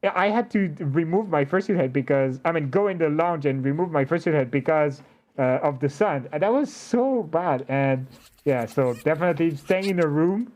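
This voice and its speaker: A man with a slightly high voice hosts a casual interview. He talks in an animated, conversational way, often hesitating and rephrasing as he searches for the wording. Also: normal speed. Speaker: interview show host.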